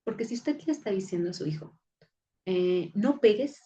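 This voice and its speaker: Woman lecturer, low mellow voice, chatty with fillers, muffled lo-fi audio. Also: lively intonation, normal speed, slight background noise. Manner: conversational, many fillers and restarts. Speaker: psychology lecturer. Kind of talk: recorded class lecture with anecdotes. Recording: dull lo-fi recording.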